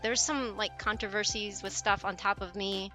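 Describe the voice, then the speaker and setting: A woman's voice: mid-range voice, fairly even intonation, moderate pace, bright, forceful tone. A woman live streamer talking casually to her chat in a rambling, conversational way. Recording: music playing behind the voice. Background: background music.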